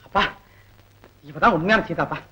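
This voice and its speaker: A man's voice: a little high, normal speed, pushed and bright, slightly rough, full character voice. An actor playing an earnest, persuasive young man in an old film drama, pleading and reasoning. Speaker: male lead in an old film. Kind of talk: 1950s-60s film acting. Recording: dull old film soundtrack with music.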